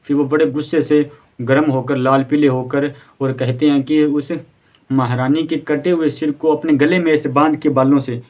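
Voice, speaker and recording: A man's voice: fairly high pitch, fairly even intonation, normal speed, darkish tone. A man telling a history story as a lesson, in a conversational retelling style with rhetorical questions and filler words. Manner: fillers and restarts. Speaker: history teacher.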